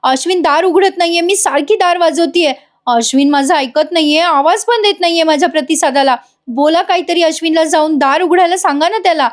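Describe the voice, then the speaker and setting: A woman's voice: very high-pitched, fairly quick, few pauses, pitched above the performer's own voice. A woman voicing a frightened young woman who speaks urgently. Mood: anxious. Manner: urgent, anxious.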